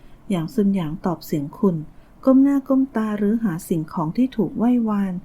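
A woman narrating a novel audiobook in a steady storytelling manner. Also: mid-range voice, a little fast, breathy edge, rough recording. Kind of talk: scripted narration.

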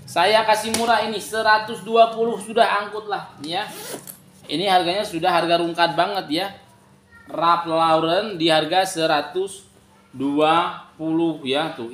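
A young man giving an informal, repetitive and emphatic sales pitch, drawing out key words as he sells. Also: a bit bright. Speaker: online bag seller. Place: large tiled living room, indoors. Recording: echoey room, some background noise.

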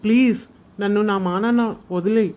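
A man's voice: high voice, steady tone, moderate pace, noisy background, natural voice. A young man playing a spoiled, selfish rich son who talks back rudely and dismissively, in an amateur short drama. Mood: annoyed. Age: young adult. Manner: dismissive, rude, whiny.

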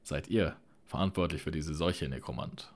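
A man's voice: extremely low pitch, moderate pace. Man playing a brash young warrior prince. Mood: defiant. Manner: shouted, forceful lines.

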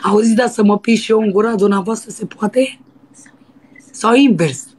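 A woman putting on a brazen, lustful young dancer in a prank phone call, pushy and breathy. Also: medium pitch, a little mellow, lightly acted. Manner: pushy and breathy, with crude demands. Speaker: prank caller.

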